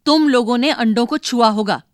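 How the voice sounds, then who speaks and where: A woman's voice: sits high, expressive, moderate pace, dry recording, studio quality, pitched above the performer's own voice. A woman voicing a stern, fretful mother who scolds her two children, in a storybook reading. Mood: scolding. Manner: scolding, exasperated.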